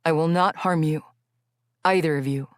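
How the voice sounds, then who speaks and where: A woman's voice: low voice, normal speed, dry recording, studio quality, natural voice. Woman doing a huge, easygoing male Fae. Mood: reassuring.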